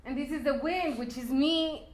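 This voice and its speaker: Brief: female artist from El Salvador, lecture-hall talk, higher voice, roomy echo, thoughtful with pauses. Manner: reflective, with fillers and restarts. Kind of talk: public art lecture.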